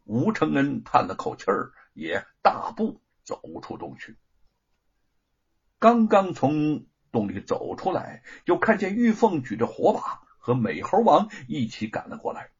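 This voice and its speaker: A man narrating a serialized story in a dramatic, expressive reading, in a dull lo-fi recording. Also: on the high side, measured pace, husky.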